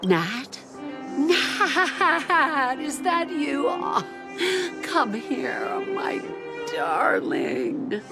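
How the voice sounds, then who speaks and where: An actress playing a tender older mother, speaking softly and slowly over game music. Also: low-pitched, big pitch swings, full character voice. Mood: tearful. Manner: soft, slow and soothing. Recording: game score underneath.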